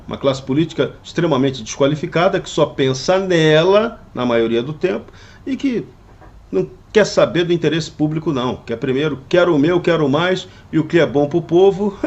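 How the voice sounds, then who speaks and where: Man, fairly high voice, indignant political commentary, rhetorical questions, muffled lo-fi sound. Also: darkish tone. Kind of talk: scripted opinion commentary.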